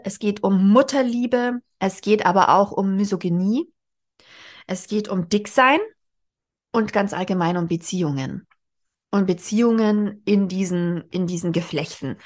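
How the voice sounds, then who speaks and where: A woman in her forties co-hosts a book podcast, explaining things casually and thinking aloud as she chats with her co-host. Her voice is mid-range and a little mellow.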